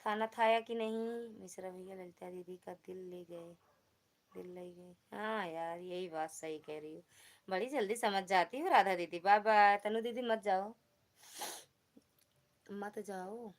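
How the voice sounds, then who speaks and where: A woman with an Awadhi accent hosts a live stream from her phone. She talks slowly and chattily, at a mid pitch. She greets viewers one by one and hums bits of songs between greetings. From Uttar Pradesh, India. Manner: chatty, greets commenters by name, hums song snatches.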